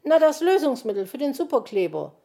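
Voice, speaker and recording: A woman voicing a clever little bird who briskly explains things. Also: high-pitched, very animated, vocal fry, dark tone, voice pushed up, heavily acted.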